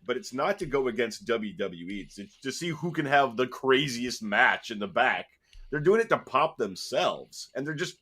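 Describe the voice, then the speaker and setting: A man's voice: mid-range voice, bright, forceful tone, breathy edge. Wry, opinionated man chatting on a podcast. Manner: opinionated, wry, laughs while making points. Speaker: podcast host. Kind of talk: casual chat.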